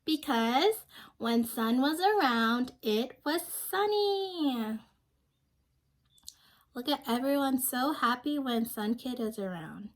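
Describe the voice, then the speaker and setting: Reading a picture book to children, this young adult woman speaks in a high, expressive voice. She moves through it very slowly, breaking off to question her little audience and offer simple explanations.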